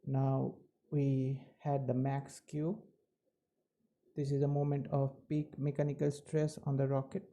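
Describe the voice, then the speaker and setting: A man giving live technical commentary as a launch webcast host, with halting, measured phrasing. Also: medium pitch, mellow.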